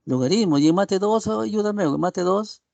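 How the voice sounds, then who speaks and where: A man's voice: high-pitched, moderate pace, creaky, a little mellow, no echo. A male professor giving an online class on a video call, rambling and leaning on tag questions as he addresses his students. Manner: addresses students as "estimados alumnos". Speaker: university professor.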